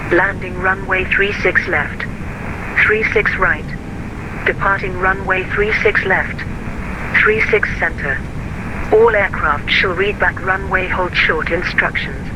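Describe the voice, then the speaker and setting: Give me an automated airport weather broadcast in a male text-to-speech voice. It is pitched high, with steady aircraft noise in the background. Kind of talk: recorded weather and runway information bulletin.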